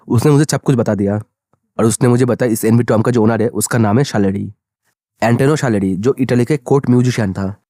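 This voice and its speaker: A calm, confident young male hero, as a male narrator puts him on in a manga recap. He lays things out firmly and matter-of-factly in a mellow, low-key tone. The pace is quick and the sound dry. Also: no room sound, natural voice.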